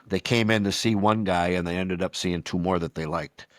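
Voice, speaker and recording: Man, 60s, very low voice, dry sound, anecdotal podcast guest, rambling storyteller. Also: normal speed, no room sound. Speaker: retired baseball umpire, podcast guest. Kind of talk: storytelling in a casual podcast chat.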